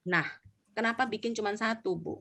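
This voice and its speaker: A woman's voice: medium pitch, a little fast, creaky. A middle-aged woman, an insurance agency leader giving a motivational sharing talk, acting out quotes and mixing in English words. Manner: lively storyteller, acts out quotes, mixes in English.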